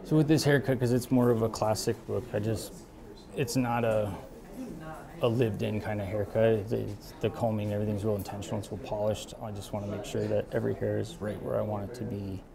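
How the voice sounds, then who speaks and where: A fairly low-voiced man in his thirties talks casually while he works in his barbershop, relaxed and rambling with plenty of fillers. He drifts nearer and farther from the camera mic as he moves around. There is a clear crowd murmur behind him. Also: brisk. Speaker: barber and shop owner. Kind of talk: casual talk while working. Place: barbershop with brick walls, indoors.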